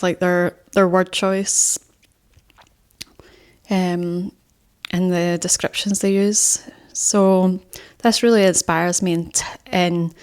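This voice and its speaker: Young woman, casual book chat, rambling, lots of fillers, low-ish flat voice. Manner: rambling, many fillers and restarts. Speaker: book vlogger. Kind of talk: casual book talk to camera.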